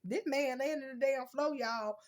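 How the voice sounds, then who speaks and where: A woman's voice: high-pitched, normal speed. Blunt, cussing woman ranting with a runny nose. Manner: blunt, profane, heated rant. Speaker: YouTuber. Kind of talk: unfiltered storytime vlog.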